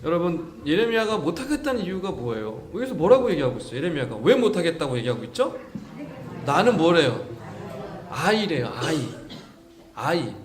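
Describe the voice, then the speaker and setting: A male pastor delivers a Sunday sermon with a high voice that swoops over a wide range. He preaches in an animated way, asking his congregation questions, and his voice rings through a roomy church hall. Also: a little fast. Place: church sanctuary.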